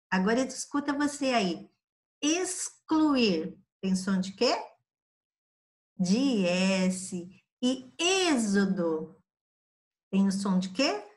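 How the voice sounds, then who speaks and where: A woman's voice: mid-range voice, a little mellow. A woman from Brazil teaching a grade-school lesson review, patiently drawing out each example word for young pupils. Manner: patient, spells out examples slowly for children.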